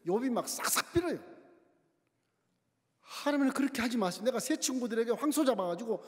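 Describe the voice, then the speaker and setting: A male pastor preaching in a high, lively voice, swinging up and down as he tells the story. The sound carries the long reverb of a church sanctuary. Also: fairly quick. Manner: animated storytelling, acting out dialogue. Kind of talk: sermon.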